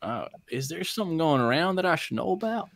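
A man's voice: fairly high pitch, sing-song, quick pace, creaky, dry recording, studio quality, pitched above the performer's own voice, full character voice. A man playing a bumbling cowboy outlaw in a wheelchair in an improvised comedy sketch, flustered and laughing. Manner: flustered, laughing, yelling when pestered. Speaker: comedy podcast performer.

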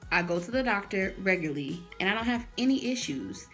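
Bright-voiced young woman ranting. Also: mid-range voice, animated, fairly quick, faint music behind. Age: early 20s. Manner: blunt, fired-up, swears freely. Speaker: vlogger. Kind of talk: casual direct-to-camera rant. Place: small indoor room.

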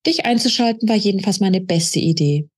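A woman reading the lines of a determined female aid worker who speaks earnestly and apologetically, in a husky voice. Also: medium pitch, animated, fairly quick, darkish tone.

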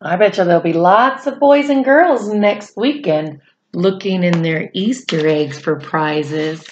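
This middle-aged woman has a fairly low voice, and the recording has its highs cut off along with a slight hiss or hum. She reads a picture book to young children in a small room at home, stretching her delivery expressively and tossing in chatty remarks.

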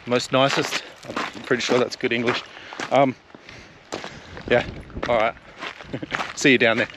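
A hiking vlogger in his thirties chats upbeat to an action camera held at arm's length on an outdoor mountain trail, laughing at himself in the open air. His mid-range voice has a slightly rough throat, and there's some background noise.

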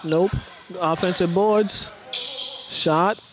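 A man with a high-sitting voice and fairly even intonation speaks very slowly as an amateur play-by-play commentator at a basketball game in an indoor school gym. His commentary is casual, playful and offhand, full of made-up sound words. A camera mic in the stands captures noisy gym audio and ball bounces.

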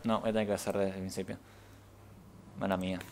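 A man's voice: deep voice, level tone, fast talker, a little hiss or hum. A young man, streaming a game, reading the game's text aloud and reacting with casual, sarcastic, swearing asides.

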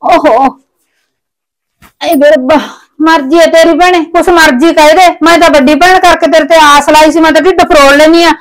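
A woman's voice: high voice, fairly even intonation, normal speed, lightly acted, low-quality recording. An actress playing an aging mother neglected by her son and daughter-in-law, talking in a complaining, reproachful way in a village drama. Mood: pleading. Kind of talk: village web drama acting.

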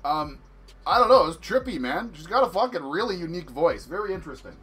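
A man's voice: on the high side, expressive, fast, pushed and bright, breathy edge. A man chatting casually on a livestream about his grow tents, rambling, swearing constantly and laughing often. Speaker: home grow vlogger.

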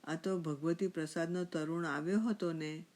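A woman voicing an elderly father in a storybook tale, speaking slowly and tenderly with drawn-out, affectionate calls. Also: deep voice, fairly even intonation, darkish tone, lightly acted.

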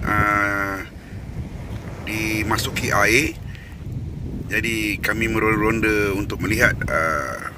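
A man's voice: on the low side, background noise. Malaysian man vlogging at a campsite. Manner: hesitant, many fillers. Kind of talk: casual vlog narration. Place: outdoors at a beach campsite. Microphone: phone at arm's length.

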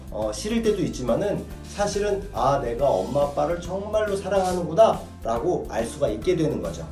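Priest guy reading scripture slow then chatting gently w/ kids, kinda high voice, roomy sound. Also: far from the mic. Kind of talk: gospel reading and children's homily.

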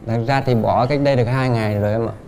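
Young guy on a dating show, nervous and polite, talks fast, lots of noise behind. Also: medium pitch, fairly even intonation. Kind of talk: casual answers.

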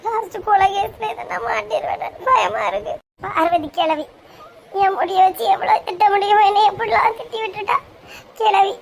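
A woman's voice: very high voice, steady tone, moderate pace, gravelly. Woman playing a weepy, fretting young woman. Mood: upset. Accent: Kanyakumari Tamil. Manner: tearful, fretting.

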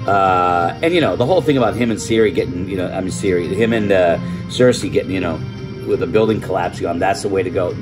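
An older man giving a casual, animated opinion rant on his vlog, exasperated and swearing freely between fillers. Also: deep voice. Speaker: vlogger.

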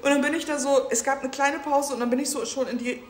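High-voiced woman telling a lively story. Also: fast talker, a little hiss or hum. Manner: animated storyteller, slangy, acts out dialogue. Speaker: guest speaker, artist. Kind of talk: lively anecdote at a public talk. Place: museum event space. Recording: roomy hall sound.

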